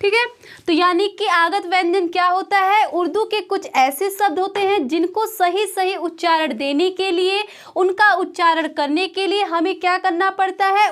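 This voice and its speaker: A woman with a very high voice teaches a grammar class. She walks through each point patiently and keeps posing questions that she then answers herself. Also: a bit bright. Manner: explains step by step, asks and answers her own questions. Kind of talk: Hindi grammar lesson.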